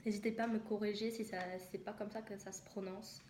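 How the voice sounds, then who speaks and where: Brisk and medium-pitched with little pitch movement, a young vlogger from southwest France talks casually through a haul video, hesitating often and using lots of fillers. Her recording has echo and noise from the room.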